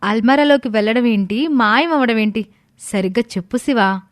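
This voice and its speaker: Cartoon storybook role: woman playing caring, fretful young woman; high pitch, dry booth, worried and questioning. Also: moderate pace, no room sound, natural voice. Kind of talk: animated storybook voice acting.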